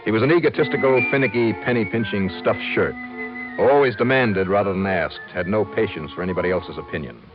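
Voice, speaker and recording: An American actor narrates and stars in an old-time radio detective serial, playing a breezy freelance insurance investigator who is hard-boiled yet easygoing. His lowish male voice is fast, wry, brisk, and close to everyday speech, with a sardonic, conversational feel. The vintage recording is muffled and has music.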